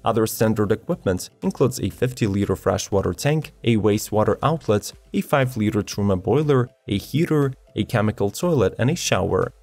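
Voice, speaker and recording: A man narrating a scripted product video in an even, measured read of specifications. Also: fairly low pitch, no echo. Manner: even, measured reading of specs. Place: studio voice-over. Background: faint background music.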